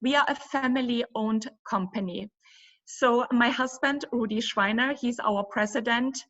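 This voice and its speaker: A German-accented woman who co-owns a river cruise company answers interview questions with enthusiasm and fluency, using frequent fillers. Her voice is on the high side, unhurried and a bit bright. The audio is muffled and lo-fi.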